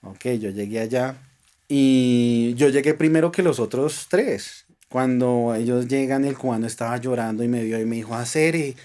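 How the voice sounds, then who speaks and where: Colombian man, podcast guest, mid-pitched everyday voice, earnest and emotional storyteller, sinks soft at tense beats. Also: moderate pace. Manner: earnest, emotional, speaks of faith, drops to soft tones at tense moments. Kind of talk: personal storytelling in a podcast interview.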